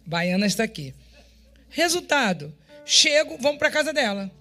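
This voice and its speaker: Uma mulher com sotaque brasileiro prega seu testemunho diante da igreja, contando a história com muito drama e encenando cada diálogo. Ela ri com frequência e fala com energia. Ao fundo há uma música leve. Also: female voice, a little high, moderate pace, soft background music. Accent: Brazilian Portuguese. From Brazil. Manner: animated, dramatic storytelling that acts out dialogue and often breaks into laughter. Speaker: pastor. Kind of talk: testimony preached to a congregation.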